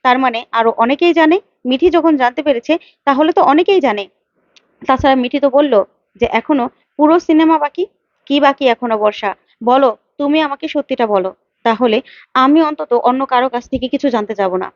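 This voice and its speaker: A woman's voice: high voice, brisk, dry recording, close to an everyday voice. A woman voicing an angry young husband who confronts his wife with heated, insistent accusations. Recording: dull lo-fi, dry.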